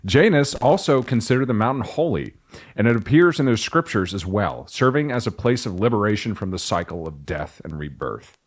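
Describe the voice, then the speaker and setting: A man with a lowish voice and a lively, swinging pitch, co-hosting a podcast. He tells the story from his notes in a casual way and slips in jokes and asides. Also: fairly quick. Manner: jokey, reads notes with asides and laughs. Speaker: podcast co-host.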